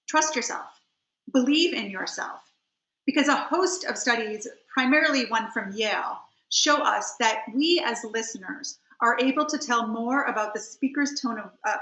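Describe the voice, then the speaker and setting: A middle-aged woman, a communication coach and trial attorney, presents an instructional webinar, speaking emphatically and slowing down to stress key phrases. Her voice is fairly high, pushed and bright, captured through a computer on a video call with roomy, slightly dull audio.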